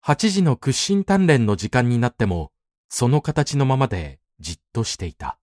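A man reading a classic novel aloud as narrator, in a measured and expressive way. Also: medium pitch, no echo, studio quality.

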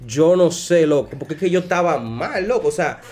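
A man's voice: fairly high pitch, animated, brisk, over music. Laughing slangy man. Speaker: podcast co-host. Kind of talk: casual chat.

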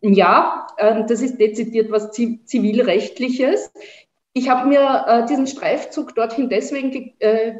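A woman making a short hesitant statement on a panel, with frequent pauses and fillers. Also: a little high. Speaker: panel participant. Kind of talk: spontaneous statement. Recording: echoey lo-fi mic.

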